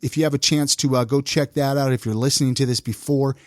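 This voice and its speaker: A man's voice: medium pitch, steady tone, fast, dry recording, studio quality. A man hosting a casual podcast chat, easygoing, also reading out a plain ad. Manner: chatty, easygoing, reads ad copy plainly. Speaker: podcast host.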